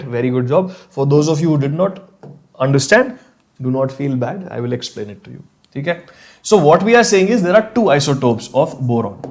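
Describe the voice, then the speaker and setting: Encouraging Indian man teaching online. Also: a little high. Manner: encouraging, reassuring, often checking in with "okay"; mixes Hindi phrases into English. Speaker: chemistry teacher. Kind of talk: live online lesson, talking to students in chat.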